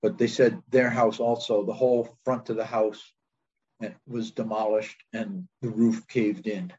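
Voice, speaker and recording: A man with a husky voice presents and fields questions, pausing often and laughing softly. The recording sounds dull and lo-fi. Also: on the low side, flat delivery. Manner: hesitant, frequent soft laughs. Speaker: presenter of a nomination.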